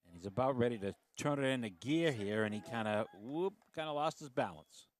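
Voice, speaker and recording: A man's voice: mid-range voice, animated, fairly quick. A man giving loose, folksy color commentary on a football game, breaking down the plays with frequent fillers.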